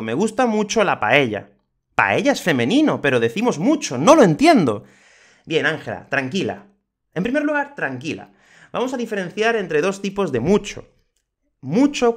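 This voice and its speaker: A man from hosts a grammar lesson for learners, his voice sitting a little high and swinging widely in pitch. He slows right down for each example sentence and leans hard on the words that matter. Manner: slow, clear delivery of examples with lively emphasis. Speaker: Spanish teacher and podcast host. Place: home, moving to his terrace.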